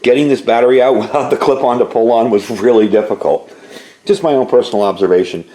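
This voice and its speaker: A man with a mid-range, dark-toned voice talks fast, giving a casual, rambling hobbyist product review and explaining its features conversationally. The recording has an echoey room and faint background noise.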